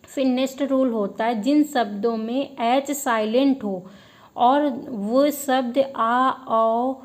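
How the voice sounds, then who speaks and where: A woman teaches an English grammar lesson, posing questions to her students and answering them herself, then drilling the key words through repetition. Her voice is a little high with a darkish tone.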